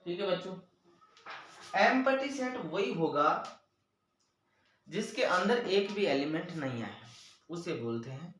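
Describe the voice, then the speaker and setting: A man teaches a maths lesson and explains each step to the children, calling on them again and again. His voice sits high and swings widely in pitch. It comes from some way off the mic, in a room with a strong echo. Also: a bit bright, far from the mic, slight background noise.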